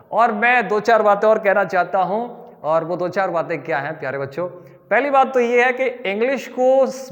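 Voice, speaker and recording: High-voiced Indian man teaching English. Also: in a large hall. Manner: addresses viewers as dear children, drills sounds by repeating them. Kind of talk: spoken English lesson.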